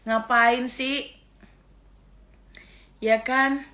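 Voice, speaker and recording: A woman's voice: fairly high pitch, fairly even intonation, very slow, bright, forceful tone. A middle-aged woman vlogger ranting casually and scornfully, with frequent exclamations of disgust. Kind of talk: casual reaction rant.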